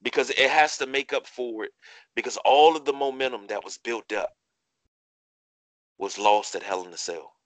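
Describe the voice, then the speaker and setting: A man with a hoarse, parched voice, chatting casually and haltingly about sports as a podcast co-host. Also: medium pitch, a bit bright, no echo. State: hoarse, parched throat after a day of yelling.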